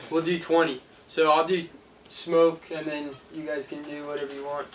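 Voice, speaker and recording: A man's voice: a little high, level tone, moderate pace. A man giving an informal product review as host, chatting casually in a rambling, explanatory way. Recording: distant mic, clearly noisy background.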